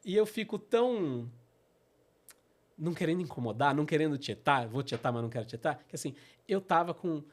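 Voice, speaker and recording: A middle-aged man with a Brazilian Portuguese accent telling personal stories on his podcast, animated and full of fillers. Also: on the high side, brisk. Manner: animated, acts out quotes, many fillers like "né" and "tipo assim". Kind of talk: casual storytelling.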